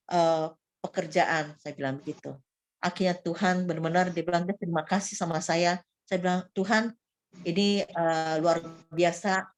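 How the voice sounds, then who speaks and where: A woman recovering from illness, telling her personal faith testimony to a church group with animated retelling of her prayers and frequent restarts. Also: lowish voice, low-quality recording. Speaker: church member giving testimony.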